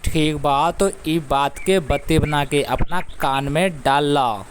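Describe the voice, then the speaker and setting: A man's voice: a little high, takes it slowly, slight background noise. A man with a Bhojpuri accent voicing a fearful, resigned male forest animal in a cartoon who gives advice. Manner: resigned, advising.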